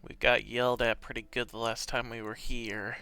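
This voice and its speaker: A man's voice: medium pitch, flat delivery, moderate pace, bright, forceful tone, clear, resonant tone. A man streaming a video game live, playfully commenting and reading along.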